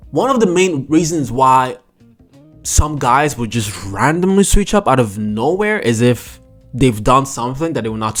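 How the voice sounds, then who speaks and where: Young guy reacting to stories, slangy and loud about it, mid pitch, faint music under. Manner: animated, exclaiming, slangy. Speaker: host reacting to rejection stories. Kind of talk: casual reaction commentary.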